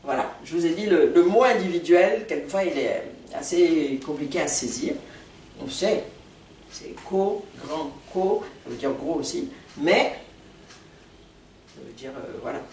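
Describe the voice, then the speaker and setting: A woman's voice: low voice, animated, measured pace, darkish tone. A woman teaching vocabulary in a patient lesson, repeating each word carefully for learners. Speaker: language teacher. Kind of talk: slow, deliberate language lesson. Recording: echoey room, far from mic, faint noise.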